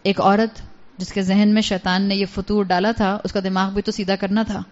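Woman religious speaker, earnest and exhorting, mid-pitched voice, muffled lo-fi sound. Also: little pitch movement. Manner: earnest, exhorting, mixes English words into her speech. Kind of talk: religious lecture with storytelling. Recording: dull lo-fi recording.

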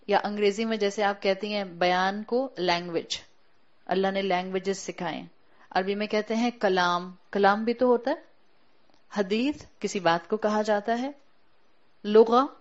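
Woman teaching a religious class, lo-fi. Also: medium pitch. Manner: explanatory, slows down to stress key words, mixes in English terms. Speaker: Quran teacher. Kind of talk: religious lecture to a women's class.

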